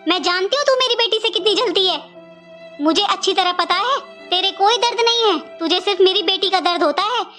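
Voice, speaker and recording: Woman voicing a shrill bossy mother-in-law. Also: brisk, pushed and bright, soft background music. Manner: harsh scolding, commanding. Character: bossy scolding middle-aged mother-in-law. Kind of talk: animated cartoon voice acting.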